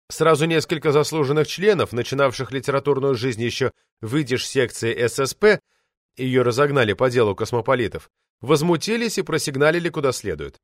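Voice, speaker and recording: A man's voice: mid-range voice, no room sound. A man narrating a novel in the first person, with an ironic, storytelling manner on a close studio mic. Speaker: audiobook narrator.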